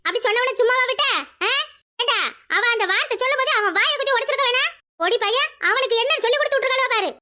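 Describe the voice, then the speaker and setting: A woman's voice: very high voice, fast, sharp tone. A woman voicing a weary, devoted village mother of three in a cartoon, with a southern Tamil accent from Tirunelveli, scolding and coaxing her children. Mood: indignant. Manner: scolding then tenderly coaxing, dialect endearments. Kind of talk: cartoon voice acting.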